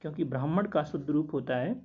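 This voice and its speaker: A man working through quiz answers as a teacher, steadily repeating each word slowly to explain it. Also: fairly high pitch, husky. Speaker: Hindi test teacher. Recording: dull lo-fi recording.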